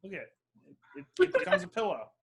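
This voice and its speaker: A man co-hosting a casual podcast, giving short, playful deadpan replies. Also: sits high, quick pace, creaky. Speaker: podcast co-host. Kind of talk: casual chat.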